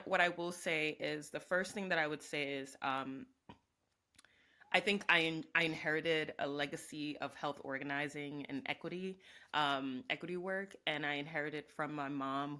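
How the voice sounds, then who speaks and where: A woman in her thirties, from Jamaica, answering interview questions reflectively with many pauses. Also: low voice, bright, forceful tone. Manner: reflective, speaks in lists with many ums. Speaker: guest, professor and organizer. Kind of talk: conversational interview.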